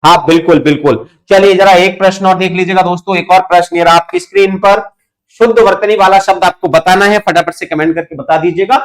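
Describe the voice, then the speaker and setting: A man's voice: high-pitched, fairly even intonation, brisk. A young man teaching a Hindi grammar lesson for exam students, explaining step by step, repeating key points and asking his students questions. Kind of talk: online exam-prep lesson.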